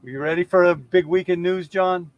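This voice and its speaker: Man, comedy co-host, casual banter, slightly higher voice. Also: fairly even intonation, normal speed, no room sound, highs cut off. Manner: jokey, plays clips and mimics voices.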